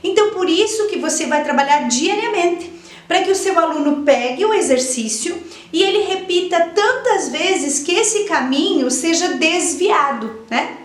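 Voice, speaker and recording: A woman's voice: very high-pitched, expressive, normal speed, echoey room. A woman giving step-by-step advice to teachers, explaining patiently and asking rhetorical questions. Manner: explanatory, repeats points, asks rhetorical questions. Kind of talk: instructional talk to teachers.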